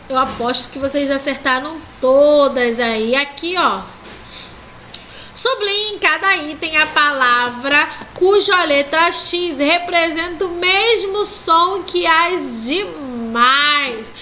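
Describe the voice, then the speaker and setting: A woman with a Brazilian Portuguese accent teaches a recorded primary school lesson, stretching out example words and checking in with the children. Her voice sits high and bright. A faint hiss of noise runs under the recording. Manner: slow, patient, drawing out example words and checking with "ok?" and "né?". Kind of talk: recorded online class correcting textbook exercises.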